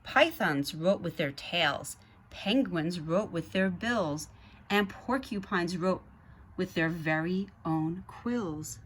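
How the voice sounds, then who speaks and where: The woman reading this picture book to children is a guest storybook reader with a voice on the low side, animated and slow, with a little hiss or hum. She addresses the young listeners directly, slipping in brief asides.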